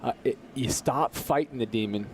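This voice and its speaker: A man talking as a podcast guest in casual conversation, earnest and motivational, slowing down to stress his points. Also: medium pitch, a little mellow, slight background noise.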